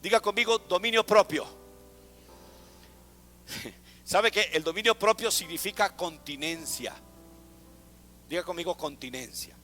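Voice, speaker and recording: A man's voice: sits high, unhurried, pauses often, sharp tone, long reverb tail, soft background music. A man preaching a sermon to a congregation, asking them to repeat words after him. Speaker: pastor. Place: church.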